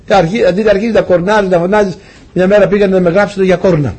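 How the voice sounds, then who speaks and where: A man's voice: sits high, fairly even intonation, darkish tone, breathy edge. A man preaching a sermon to his congregation, telling a personal story with rhetorical questions.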